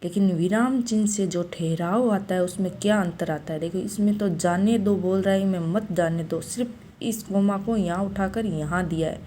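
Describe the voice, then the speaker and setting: A woman giving a classroom-style grammar lesson, explaining step by step and slowing down to read out example sentences. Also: mid-range voice, warm tone, slight background noise. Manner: explains step by step, often saying "look". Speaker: teacher.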